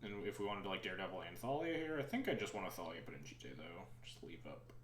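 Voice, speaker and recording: A lower-voiced man talks to his stream while he plays a card game, rambling and thinking aloud with a dry, sarcastic edge. His pitch swings up and down a lot as he reasons through each move. The sound is roomy, with a clear echo around him. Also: very animated, quick pace, fairly bright tone, slight background noise. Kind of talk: casual live-stream commentary.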